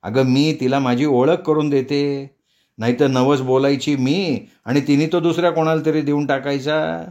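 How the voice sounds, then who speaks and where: A man voicing an excitable forgetful old granny. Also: a little high, moderate pace, dull audio, natural voice. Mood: fretful.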